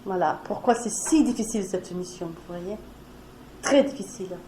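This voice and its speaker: A woman's voice: mid-range voice, moderate pace, warm tone. A woman with an accent in French, leading an earnest spiritual talk before a small audience and speaking in a conversational way with fillers. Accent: foreign accent in French. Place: meeting room before an audience. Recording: echoey room with faint noise.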